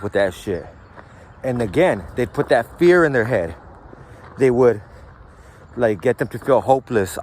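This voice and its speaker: A man with a mid-range, slightly mellow voice hosts a show, swearing and using slang as he tells stories casually, dropping "like" and "right?" constantly. There is a little hiss or hum in the recording.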